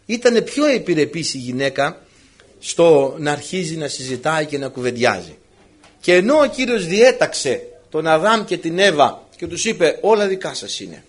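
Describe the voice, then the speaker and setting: Male preacher, sermon, husky, lively and high-pitched, playful. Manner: animated, playful, acts out the characters.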